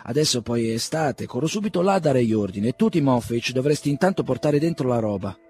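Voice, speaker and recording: A man's voice: medium pitch, expressive, fast talker, a little mellow, voice pushed up, natural voice. A man voicing an elderly country doctor and father who is humble, fussy and eager to please. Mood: fussing. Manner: apologetic, eager to please, ceremonious.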